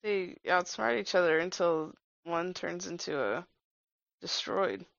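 A creaky woman's voice in casual movie chat, blunt and teasing. The sound is dry and slightly dull, with medium pitch. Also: expressive, a little slow, a bit bright, no echo. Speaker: movie reaction commentator. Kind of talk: casual film-watching chat.

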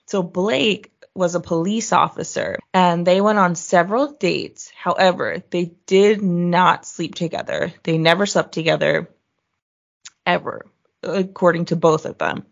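A young woman telling a true crime story to a friend on a podcast, her voice carrying a gravelly fry. She chats loosely, swears now and then and pitches up to quote people. The sound is a little dull and lo-fi. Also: unhurried. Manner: chatty, swears casually, acts out quotes in a higher voice. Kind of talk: casual storytelling chat.

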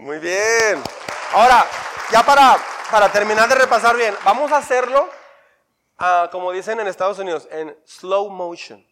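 Mexican man, pastor, high bright voice, unhurried, playful group drills, long church-hall reverb, faint crowd. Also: slight background noise. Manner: energetic, playful, chants lists with the group. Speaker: pastor leading a church workshop. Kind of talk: interactive Bible workshop with drills. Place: church hall with a live congregation.

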